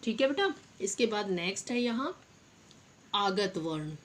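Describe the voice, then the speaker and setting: A woman's voice: medium pitch, expressive, a little hiss or hum. Patient woman teaching young children. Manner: patient, addresses pupils as "beta", repeats example words slowly. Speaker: primary school teacher. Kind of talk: online Hindi lesson for young children.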